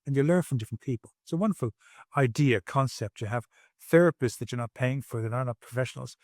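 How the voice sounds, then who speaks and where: A man's voice: medium pitch, fast, darkish tone, no echo, studio quality. A man in his sixties, a podcast guest at home, telling his personal story in an earnest, reflective way with frequent restarts. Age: 60s.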